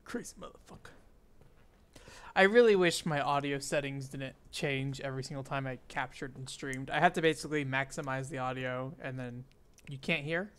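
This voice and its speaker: A man streaming a game, talking casually with relaxed asides to his viewers. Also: medium pitch, a little fast, smooth. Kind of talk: casual gameplay commentary.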